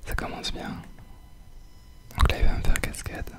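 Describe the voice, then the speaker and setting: Man whispering ASMR right in your ear. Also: moderate pace. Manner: whispering softly, close up as if right in the listener's ear. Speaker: host of an ASMR gaming video. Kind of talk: whispered ASMR gameplay commentary.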